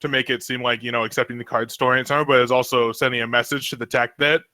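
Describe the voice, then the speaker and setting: Bright, tense-voiced man playing a tabletop game. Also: mid-range voice, level tone, quick pace, no room sound. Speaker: player.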